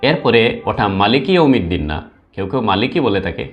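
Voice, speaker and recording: A man teaching recitation, breaking words into parts, repeating them slowly and drawing out each recited phrase. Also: fairly low pitch, sing-song, faint music behind. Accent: Bangladeshi Bengali. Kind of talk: slow step-by-step pronunciation lesson.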